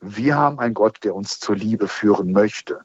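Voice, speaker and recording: A priest explains matters of faith to callers on a radio show, his husky voice recorded close and dry. He sounds slightly dull and muffled, and he pauses with frequent fillers while he thinks. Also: lowish voice, darkish tone, no room sound. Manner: thoughtful, explaining with many fillers.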